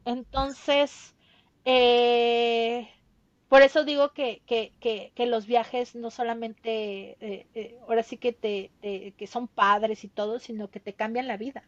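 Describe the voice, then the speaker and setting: A woman's voice: fairly high pitch, fairly even intonation, slow pace, dry recording, lo-fi sound. A Mexican woman in her thirties, a guest telling her travel story in a casual interview, with many fillers and tag questions.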